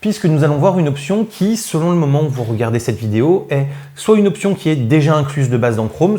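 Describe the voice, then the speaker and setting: A man's voice: fairly high pitch, warm tone. A man with a French accent walking viewers through a browser feature in a casual screen-recorded tutorial, with frequent fillers. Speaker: tech YouTuber.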